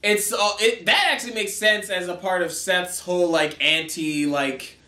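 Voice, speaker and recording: A man co-hosting a casual wrestling podcast, talking quickly with bursts of excitement and frequent laughter. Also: high voice. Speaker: wrestling show co-host. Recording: roomy echo.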